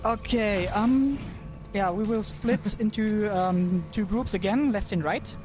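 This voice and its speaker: A man's voice: high-pitched, measured pace, music in the background. A man leading a game raid, explaining lore and tactics with plenty of ums and restarts over voice chat. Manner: explains with many fillers and restarts.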